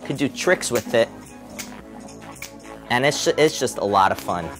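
A man hosting a science vlog, demonstrating a toy with excited, emphatic exclamations. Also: mid-range voice, moderate pace, over music. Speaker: host. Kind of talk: enthusiastic product demo vlog.

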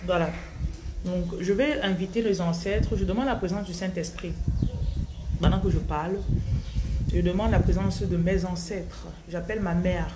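In a small tiled room, a woman in her thirties from Cameroon speaks into a phone held close at arm's length, offering a thoughtful spiritual talk to her followers. Her voice is lowish, her Cameroonian French accent clear, her delivery slow with frequent restarts, and heavy background noise fills the recording.

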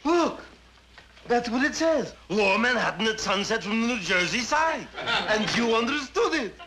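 An actor playing a vain, flamboyant painter who talks in a grandiose, theatrical way. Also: male voice, very high-pitched, very animated, moderate pace, pushed and bright, heavily acted. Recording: hissy old TV soundtrack.

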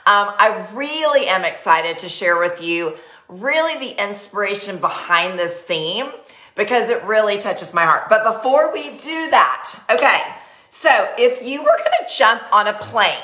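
A bubbly, chatty woman from Texas hosts a live-streamed sales party from a small decorated home office, talking with her hands. Her medium-pitched voice has a sharp tone and a Texas accent. It is picked up by a webcam at her desk, and the room sounds echoey.

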